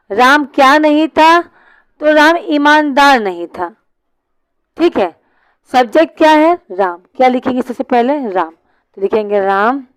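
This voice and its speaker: A woman's voice: sits high, clear, resonant tone, dry recording, poor audio. A woman teaching an online English class, explaining step by step and answering her own questions.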